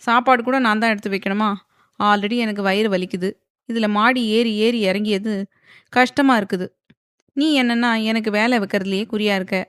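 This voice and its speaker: Narrator doing a sarcastic, playful young wife, lively lines, dry close sound. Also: female voice, fairly high pitch, moderate pace, no echo, voice pushed up, lightly acted. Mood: sassy. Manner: cheeky, sarcastic.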